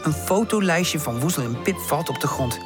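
A woman narrating a children's audiobook in an expressive, sing-song way. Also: low-pitched, normal speed, loud music behind the voice.

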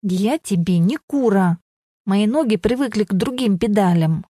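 A woman's voice: mid-range voice, animated, moderate pace, warm tone, a little hiss or hum, lightly acted. Woman doing a flustered panicky learner driver. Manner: panicky, defensive.

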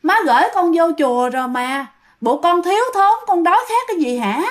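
A woman's voice: high voice, lively intonation, a little fast, pitched above the performer's own voice. A woman playing a grieving mother who cries and asks anxious questions in a told story. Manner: anxious, crying. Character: grieving old mother, crying.

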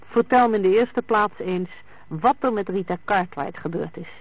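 A reader voicing a calm detective who presses a suspect with probing questions. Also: medium pitch, moderate pace, breathy edge, no echo. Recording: dry, tinny lo-fi sound.

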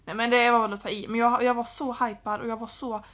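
A woman's voice: on the high side, flat delivery, a bit bright. A young woman co-hosting a podcast, chatting casually in an upbeat, talkative way. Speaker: podcast co-host. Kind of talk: casual chat.

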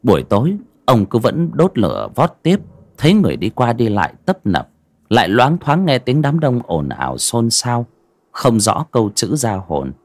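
A man narrating a horror story in an expressive, dramatic way. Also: mid-range voice, normal speed, no echo.

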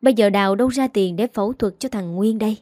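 Woman reading a sad story out loud, steady earnest voice, dry close mic. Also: mid-range voice, fast, dry recording. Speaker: narrator. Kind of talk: scripted story narration.

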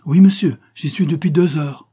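A polite, eager peasant boy from a storybook, put on by a man, pitched well above a deep voice. He answers respectfully and agreeably, with a husky grain underneath. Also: lively intonation, brisk, mellow. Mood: obliging. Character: shrewd, obliging young peasant boy.

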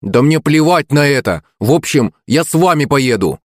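A man's voice: a little high, animated, moderate pace, dry recording, studio quality, voice pushed up, close to an everyday voice. A man reading an audiobook, voicing an indignant, stubborn young boy with a whiny, petulant manner. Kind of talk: audiobook character voice.

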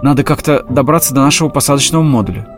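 A man's voice: mid-range voice, very fast, faint music behind, lightly acted. A man voicing a bossy, hot-tempered male remote-control creature who talks brusquely and gives orders in a storybook reading.

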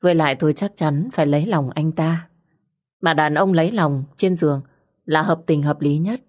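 A woman narrating a first-person story in a steady, reflective way. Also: low voice, normal speed.

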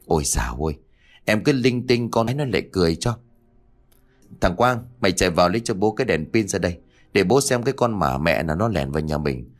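A man voicing a gruff, bossy middle-aged father in an audio story, brusque and commanding. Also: deep voice, expressive, quick pace.

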